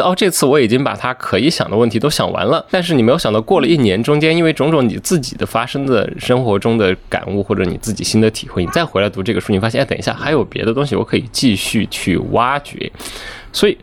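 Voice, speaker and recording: A man's voice: mid-range voice, lively intonation, fast talker. A man co-hosting a book podcast, a literature teacher explaining his thoughts in a reflective, discursive way. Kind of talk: casual podcast chat.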